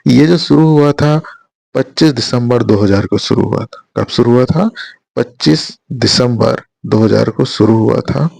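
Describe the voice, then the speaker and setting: A man's voice: medium pitch, gravelly, darkish tone, dry recording. A man teaching an exam prep lesson, quizzing listeners with repeated questions and checking in often. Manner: repetitive quizzing, rhetorical questions, frequent "thik hai".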